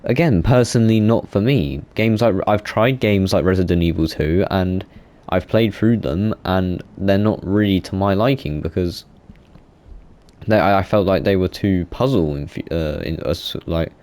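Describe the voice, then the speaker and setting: In a casual monologue on video games, a young YouTuber rambles and self-corrects, filling gaps with fillers. His voice is low with a darkish tone, at a moderate pace.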